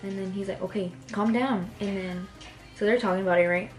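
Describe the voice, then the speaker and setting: A young woman telling a story in a loose, casual way to a friend, checking in often. Her voice sits at an ordinary middle pitch. Faint music plays behind her. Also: fairly even intonation, fast talker. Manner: casual, keeps checking in with "right?". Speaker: vlogger.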